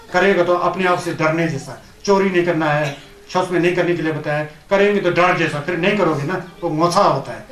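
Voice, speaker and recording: Male Buddhist teacher, high-pitched, repetitive rhetorical lecturing, Tibetan terms in his talk, echoey room. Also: slight background noise. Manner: mixes Tibetan terms into Hindi. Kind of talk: Hindi dharma discourse. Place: teaching hall of a Buddhist centre. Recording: roomy echo.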